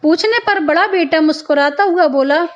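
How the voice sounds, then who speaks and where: A woman storyteller narrating a first-person moral tale in a gentle, reflective way, on a slightly dull lo-fi recording. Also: very high voice, moderate pace.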